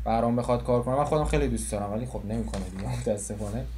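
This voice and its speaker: A man interviewing a rapper in a relaxed, agreeable, chatty way. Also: medium pitch. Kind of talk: casual interview chat.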